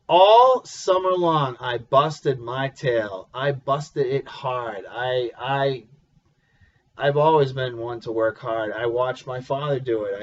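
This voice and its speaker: Slow-talking man telling a family story. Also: medium pitch. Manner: chuckling, halting, with many restarts. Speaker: vlogger. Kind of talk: casual personal storytelling. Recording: dull lo-fi recording.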